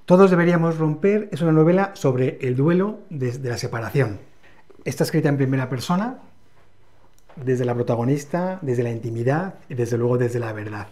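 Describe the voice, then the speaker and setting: Mellow-voiced Spanish book reviewer. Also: male voice, mid-range voice, lively intonation. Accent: Spain Spanish. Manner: measured, explanatory summarizing. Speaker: book channel co-host.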